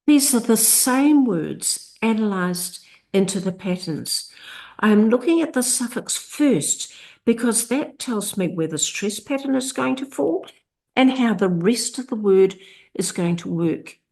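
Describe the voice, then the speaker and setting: A woman's voice: mid-range voice, lively intonation, a little mellow. A woman teaching literacy, narrating a lesson that breaks long words into parts and sounds out each piece with care. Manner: slow, deliberate, sounds out word parts. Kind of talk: instructional screencast narration.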